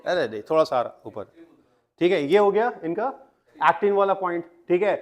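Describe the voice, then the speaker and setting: A high-pitched young man teaches biology in a classroom. He keeps asking the students questions and answers each one himself, dropping English terms into his explanations. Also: animated, moderate pace. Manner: mixes Hindi with English terms. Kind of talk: classroom lecture.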